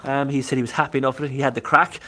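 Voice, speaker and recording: A man's voice: mid-range voice, steady tone, very fast, background noise. A man from Galway with a west of Ireland accent, chatting casually and ramblingly on a live vlog, often repeating himself. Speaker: live-streaming paranormal investigator showing historic sites.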